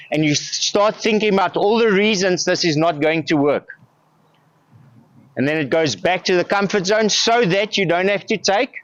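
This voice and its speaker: A man's voice: high-pitched, a bit bright, no echo, highs cut off. A South African man speaking as a business coach, giving an emphatic motivational talk to a group with plenty of rhetorical questions.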